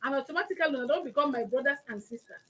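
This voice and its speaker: A woman's voice: sits high, racing, a bit bright. A woman with a Nigerian accent hosting a conversational talk, acting out examples as she explains. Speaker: talk show host.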